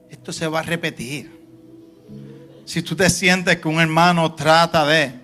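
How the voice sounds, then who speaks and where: A male pastor preaching a sermon in a church, shifting between soft low asides and loud emphatic lines. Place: church sanctuary.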